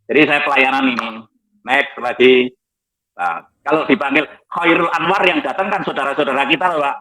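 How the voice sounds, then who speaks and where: A man, a pastor giving his testimony in a studio talk, lively and jokey. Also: mid-range voice, moderate pace, a crowd in the background, low-quality recording. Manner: lively, jokey, repeats "next lagi" while showing slides.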